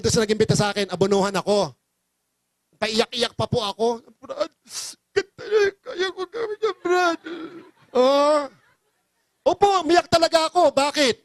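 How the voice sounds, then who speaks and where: A middle-aged man from the Philippines gives an emotional, pleading testimony speech at a business forum and rouses the crowd. His voice is extremely high-pitched, and the recording is dry.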